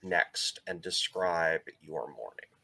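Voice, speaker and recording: A man's voice: sits low, expressive, takes it slowly, gravelly, bright, forceful tone. A man running a tabletop role-play game as game master, with dry, teasing asides.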